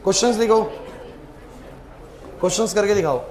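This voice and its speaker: A man's voice: high voice, moderate pace, darkish tone. A male teacher in a classroom, urging and scolding his students. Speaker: chemistry teacher.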